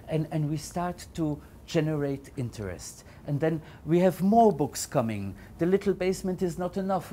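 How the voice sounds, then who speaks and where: Telling his own story on camera, the Belgian founder of a Yiddish library, a middle-aged man, pauses and repeats himself as he reflects. His voice is warm and mellow, and a soft low rumble hums in the background.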